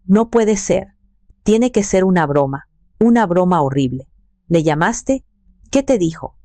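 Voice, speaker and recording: A woman voicing a young woman in her twenties, a lively and urgent niece in a storybook narration. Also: on the low side, unhurried, no room sound. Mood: worried. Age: 20s.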